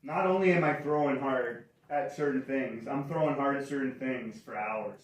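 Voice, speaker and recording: A middle-aged Canadian man hosts a livestream from indoors beside a fireplace, talking at a moderate pace in a mid-range voice. He's upbeat and rambling, correcting himself along the way. The mic is distant, so the sound is roomy and echoey.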